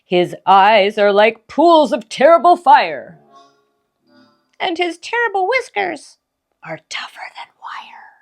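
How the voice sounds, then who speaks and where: A woman's voice: high voice, big pitch swings, slow, soft background music, voice pushed up, full character voice. A woman voicing a monster father in a storybook, giving ominous warnings about a frightening beast. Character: old monster father, gruff, cautionary storyteller.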